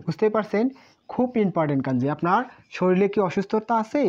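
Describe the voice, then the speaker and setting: With a quick pace, lively intonation and a slightly mellow mid-range voice, a woman teaches a kanji lesson in Bengali. As a Japanese language teacher, she is patient and repetitive, drilling each word several times. Muffled lo-fi sound.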